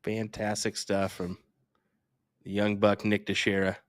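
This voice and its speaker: A man's voice: lowish voice, completely flat delivery, unhurried, dry recording, clean studio sound. A man calling a darts match live, upbeat and playful. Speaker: darts commentator. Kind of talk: live sports commentary.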